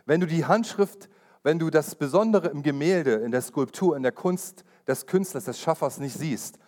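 A man's voice: on the high side, moderate pace, a little mellow. Earnest man preaching with repeated emphasis. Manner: personal testimony told with urgency. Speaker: pastor. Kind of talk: sermon.

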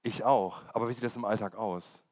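A man's voice: lowish voice, fairly even intonation, fairly quick, darkish tone. A man giving a conversational sermon and putting questions to his congregation. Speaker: preacher. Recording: long hall reverb.

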